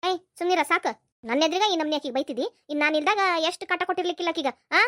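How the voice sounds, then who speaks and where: Woman doing a bossy old north karnataka granny, high squeaky voice, talks fast and blunt, dry close sound. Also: a bit bright, no room sound. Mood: commanding. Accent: North Karnataka Kannada. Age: older. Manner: scolding, commanding, blunt. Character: stern, outspoken old grandmother. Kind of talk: cartoon voice acting.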